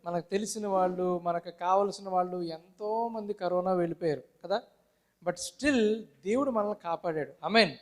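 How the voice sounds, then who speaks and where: A man's voice: high-pitched, moderate pace. A male pastor preaching a sermon, asking the congregation questions and calling for amens. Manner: call-and-response, asks congregation questions and amens; mixes English words into Telugu preaching.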